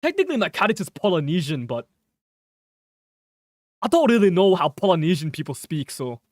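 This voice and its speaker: Animated, swearing young male streamer. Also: on the high side, normal speed, no echo, clean studio sound. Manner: rambling, swears freely, laughs at himself. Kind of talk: casual gameplay stream chat.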